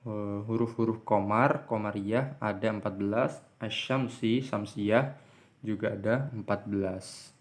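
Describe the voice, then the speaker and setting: A man teaching an Arabic reading lesson, stretching out slow model readings of each word between quick explanations. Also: lowish voice, fairly even intonation. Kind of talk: classroom lesson, reading words aloud.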